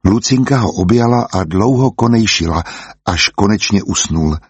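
A man reading an audiobook aloud in a calm, measured storytelling manner. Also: on the low side, breathy edge, no echo. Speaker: audiobook narrator. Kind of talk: scripted audiobook narration.

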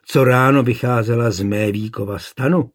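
A man's voice: medium pitch, close to an everyday voice. A man voicing a playful young soldier who teases and provokes his companions. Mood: teasing. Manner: teasing, provocative.

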